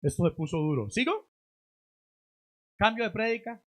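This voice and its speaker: Guy pastor giving a sermon, pretty high voice, rises loud then drops low and slow on the endings. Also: big pitch swings. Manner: emphatic preaching, swinging between loud raised lines and low drawn-out endings. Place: church sanctuary.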